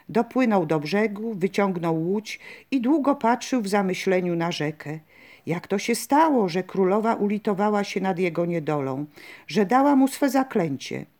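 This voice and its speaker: A woman reading a folk legend aloud in a calm, measured way. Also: medium pitch.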